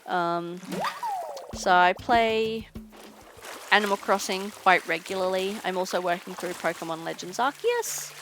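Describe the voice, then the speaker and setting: A young woman game streamer chatting casually while she plays, tired and low on energy, rambling with frequent ums. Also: unhurried. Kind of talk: casual chat while gaming. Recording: noisy game audio behind.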